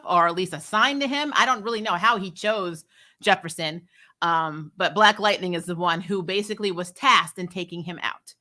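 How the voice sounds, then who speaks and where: A middle-aged woman hosts a fan TV review channel and gives a casual, opinionated recap in a medium-pitched voice. She sounds exasperated and animated and often imitates other people's lines.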